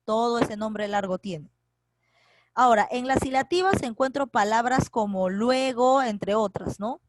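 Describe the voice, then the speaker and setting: A woman leads an online class from home. Her voice sits a little high, and she explains patiently, step by step, often stopping to ask a question back. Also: lively intonation, measured pace, no echo, rough recording. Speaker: teacher. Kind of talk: online grammar lesson. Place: home, recorded for a virtual class.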